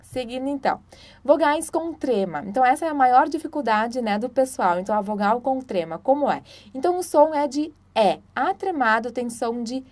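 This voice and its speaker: A woman teaches German pronunciation in a short online lesson. Her voice sits a little high, and she explains patiently, checking in with listeners often. She stretches out example words slowly and clearly. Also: lively intonation, a little mellow. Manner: patient, explanatory, frequent "tá?" and "então"; slow, drawn-out model pronunciations.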